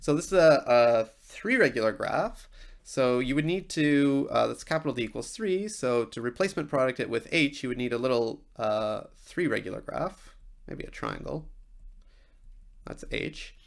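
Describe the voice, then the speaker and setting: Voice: mid-range voice, animated, moderate pace, creaky. A university lecturer giving an informal technical explanation, thinking aloud with small asides along the way.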